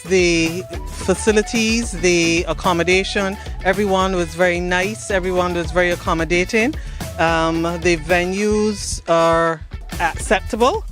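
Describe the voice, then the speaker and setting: A woman from Barbados, a visiting delegate speaking enthusiastically in an interview. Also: on the low side. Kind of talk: interview comments.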